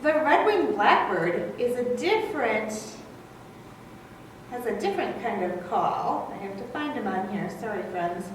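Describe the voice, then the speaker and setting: Woman naturalist, children's lesson, gently coaxing, high animated voice, booming echo, mic far off. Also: measured pace. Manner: gently coaxing, talks to kids as friends. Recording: very echoey room, mic far off, faint background hum.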